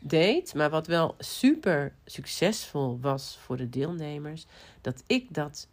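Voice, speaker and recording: Low-voiced woman, lively rambling talk. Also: slow pace. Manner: lively, tumbling sentences with many restarts and fillers. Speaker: marketing and business coach. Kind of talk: casual monologue, podcast-like.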